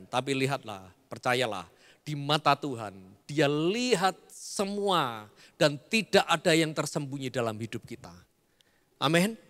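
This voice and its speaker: Middle-aged pastor guy preaching, lively and emphatic, high bright voice, big church hall reverb. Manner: animated preaching with bursts of emphasis and asides to the congregation. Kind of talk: sermon.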